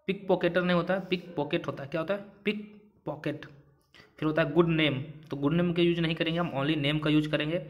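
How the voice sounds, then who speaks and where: A man teaching an exam-prep grammar lesson, explaining rules step by step, asking and answering his own questions and mixing in English example sentences. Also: on the high side.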